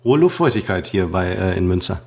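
A man's voice: sits low, big pitch swings, brisk, gravelly. A man co-hosting a podcast in casual banter, teasing his partner with mock outrage and repeating phrases for effect. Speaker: podcast co-host.

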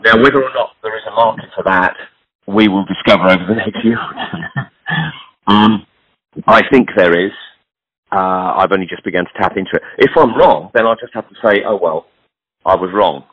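Low-voiced frank man in his sixties. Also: normal speed, slightly rough, no echo, highs cut off. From British. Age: 60s. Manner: frank, rambling, self-deprecating. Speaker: podcast guest, clothing entrepreneur. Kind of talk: casual conversation.

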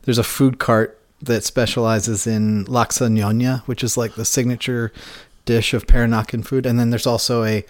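A man's voice: mid-range voice, flat delivery, normal speed. A man hosting a podcast, chatting casually as he interviews a guest. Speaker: podcast host. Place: home basement.

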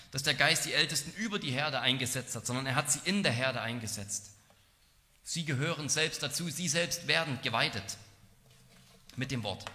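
A man preaching an expository sermon in an earnest, measured way. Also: mid-range voice, bright, forceful tone. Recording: long hall reverb.

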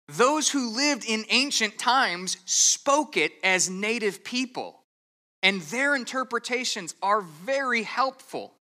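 With a high, sharp-toned voice, an English-speaking pastor delivers an expository sermon. His explanation moves earnestly and methodically, one step at a time, with the odd stammered restart.

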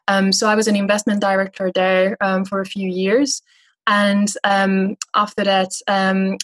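Woman in her thirties, interview guest, halting delivery with frequent fillers. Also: medium pitch. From Hungary. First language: Hungarian. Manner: hesitant, frequent filler sounds. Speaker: guest investment manager. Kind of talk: conversational interview answers.

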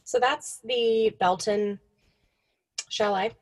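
Husky young woman telling stories offhandedly. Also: a little high, fairly even intonation, slow, rough recording. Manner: informal, offhand. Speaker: podcast co-host. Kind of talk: casual storytelling, partly read from notes.

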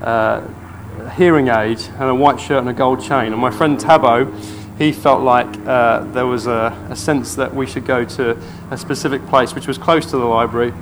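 A man preaching, telling a testimony story in church with earnest excitement. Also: medium pitch, normal speed, noisy background.

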